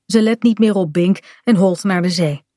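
A woman calmly reading a children's story aloud in a gentle storytelling manner. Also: lowish voice, moderate pace, no room sound, studio quality. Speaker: storybook reader.

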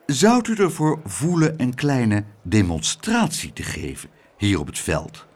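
A man's voice: medium pitch, big pitch swings, measured pace, darkish tone. Pompous male mayor in a storybook reading, announcing with big swooping intonation; the male narrator voices him. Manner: speechifying, announcing to a crowd.

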